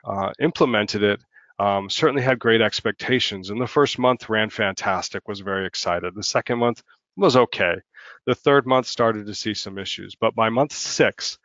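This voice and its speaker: A marketing head presenting a business webinar, talking quickly with many ums and uhs. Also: male voice, a bit bright, no room sound, highs cut off. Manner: fast, filler-heavy business pitch.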